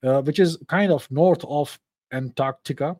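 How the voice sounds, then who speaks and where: Casting: male Q&A host, Indian accent, fairly high but soft-toned voice, opinionated and explanatory. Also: normal speed, no room sound, studio quality. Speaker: host of a live Q&A show. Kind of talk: informal geopolitical commentary answering viewer questions.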